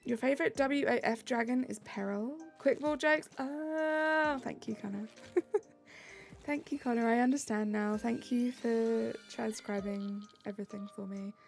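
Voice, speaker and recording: A British woman streams a game, chatting casually and reading her viewers' messages aloud in a bubbly way. Her voice is fairly high, a little slow and gravelly, with light music playing behind it.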